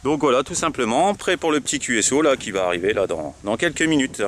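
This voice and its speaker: Standing outdoors at a roadside, a French man with a French accent presents his radio gear as an operator, talking casually but hesitantly and often repeating himself. His medium-pitched voice is expressive, fast and fairly bright. There is slight background noise.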